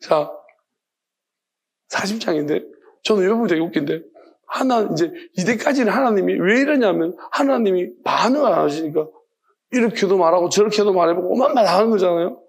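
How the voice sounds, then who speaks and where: A male pastor, preaching a midweek sermon in a conversational, animated way, often laughing. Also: sits high, a little fast.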